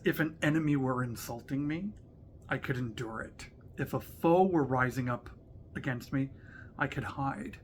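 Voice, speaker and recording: A man's voice: mid-range voice, creaky, slight background noise. A man talking in an earnest, conversational vlog, reading verses aloud with emphasis and often asking "right?". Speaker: leader sharing personal reflections. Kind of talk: casual reflective vlog talk with scripture reading.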